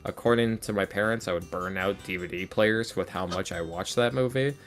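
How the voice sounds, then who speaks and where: A man in his early twenties, an ASMR roleplay creator and voice actor, chats casually as a podcast interview guest. His voice is deep and brisk, and he rambles in an informal, slangy way. Soft guitar music plays in the background.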